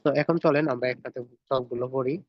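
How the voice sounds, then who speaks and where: A man's voice: medium pitch, steady tone, fast, dry recording, muffled recording. A man teaching a language lesson, patiently drilling pronunciation over slides. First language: Bengali.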